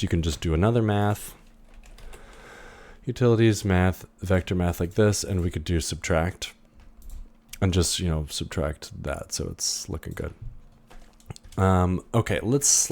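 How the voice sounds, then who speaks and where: A man instructor giving a casual screen-recorded software tutorial, thinking aloud with many fillers and restarts. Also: low-pitched.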